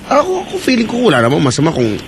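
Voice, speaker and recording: A man's voice: fairly high pitch, huge pitch swings, rapid-fire, a crowd in the background. A man hosting a radio call-in show, chatting casually and teasing the caller playfully. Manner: teasing, playful, bursts into crooning. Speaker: radio host. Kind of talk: late-night radio call-in chat.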